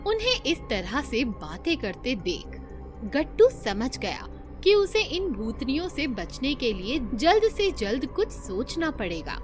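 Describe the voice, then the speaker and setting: High, animated woman narrating a story. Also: measured pace. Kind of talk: dramatic scripted children's story narration. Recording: music behind the voice.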